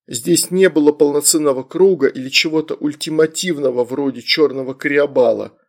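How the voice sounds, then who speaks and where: A man narrating a humorous fantasy audiobook with lively character reading. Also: on the high side.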